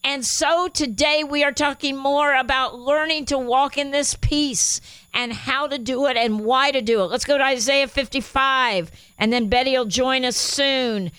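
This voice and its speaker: A radio show co-host with a slight Spanish accent reads scripture aloud with enthusiasm and emphasis. Her voice sits high and is fairly bright and smooth, and she takes an unhurried pace. The recording is dry.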